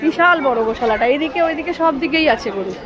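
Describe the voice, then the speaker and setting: A woman's voice: sits high, animated, quick pace. A woman vlogging as a mother at an outdoor cowshed, coaxing and warning her child and repeating words over and over. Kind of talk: casual vlog narration and talking to a child. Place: outdoor cowshed with people around. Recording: busy outdoor crowd noise.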